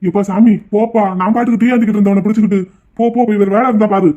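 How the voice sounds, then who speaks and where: Cartoon: a man playing a meek tea seller, quick and high-voiced, dull lo-fi sound. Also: steady tone, warm tone. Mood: pleading. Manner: pleading, fretful. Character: meek adult male tea shop owner. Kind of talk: cartoon voice acting.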